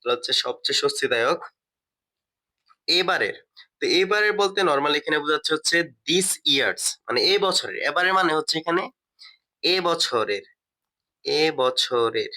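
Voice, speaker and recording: A man's voice: on the high side, lively intonation, normal speed, pushed and bright. A man teaching a step-by-step lesson, asking and answering his own questions and often repeating key words. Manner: many fillers and restarts, repeats key words. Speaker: English teacher.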